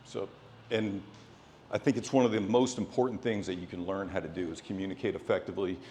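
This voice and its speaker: A man's voice: low-pitched, fairly even intonation, brisk, dark tone, slight background noise. Man giving motivational speech in echoey hall. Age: middle-aged. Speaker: motivational speaker. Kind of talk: prepared motivational speech with a sports theme. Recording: echoey hall with long reverb.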